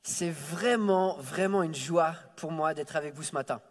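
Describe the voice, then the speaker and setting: In a reverberant church sanctuary, a guest preacher from France delivers a Sunday sermon with warm self-deprecating humor, often stammering and repeating words as he begins again. His voice leans high, and his pace is a little slow.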